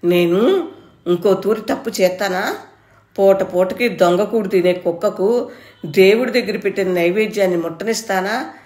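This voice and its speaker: A woman's voice: mid-range voice, normal speed, a little mellow, echoey room, natural voice. A woman voicing a troubled, childlike young village daughter-in-law who talks in a coaxing, singsong way, in a storybook reading. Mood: earnest.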